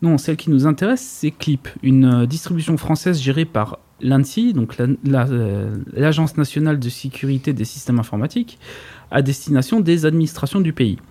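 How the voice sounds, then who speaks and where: Male columnist, talk radio, dry ironic reading, prepared segment, speaks at an even, moderate pitch. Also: normal speed.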